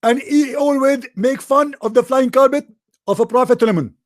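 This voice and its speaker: A man's voice: very high voice, normal speed, dry recording, studio quality. A man arguing insistently in a debate clip, speaking English with broken grammar. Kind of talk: emphatic debate argument.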